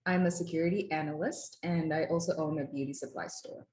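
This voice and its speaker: Low-voiced young woman in an echoey room. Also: steady tone, brisk, a little mellow, a little hiss or hum. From Uganda. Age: 20s. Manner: conversational, many fillers and restarts. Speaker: client giving a testimonial. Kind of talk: casual testimonial interview.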